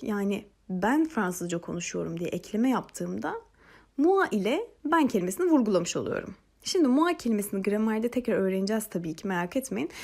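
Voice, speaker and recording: A patient French teacher from Turkey narrates a language lesson in a gravelly, breathy voice with lively pitch. She repeats phrases slowly.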